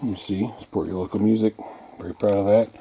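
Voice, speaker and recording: A man giving a casual walk-through of his hobby workshop, pointing things out item by item in short, unhurried phrases. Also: fairly low pitch, steady tone, warm tone. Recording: clearly noisy amateur room recording with clicks.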